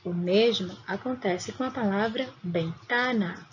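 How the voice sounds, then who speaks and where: A woman from Brazil, a Spanish teacher, giving a recorded grammar lesson with slow, careful explanations and examples. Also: mid-range voice. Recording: dull lo-fi recording with faint noise.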